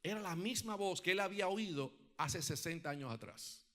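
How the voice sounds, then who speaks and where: High, bright-voiced preacher man. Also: animated, normal speed. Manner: calls on the congregation to repeat and respond; asks the audience frequent rhetorical questions. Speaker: pastor. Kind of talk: sermon.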